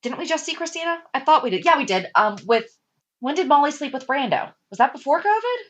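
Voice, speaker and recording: A woman's voice: high-pitched, very animated, fast talker, fairly bright tone, highs cut off. A woman co-hosting a fan podcast in casual chat. She is conversational and often checks facts with questions. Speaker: podcast co-host.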